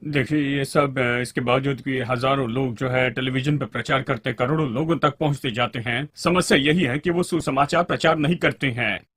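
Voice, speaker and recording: A man's voice: mid-range voice, steady tone, normal speed, fairly bright tone, slightly rough, no echo. A man preaching a sermon to a congregation and calling for amens along the way.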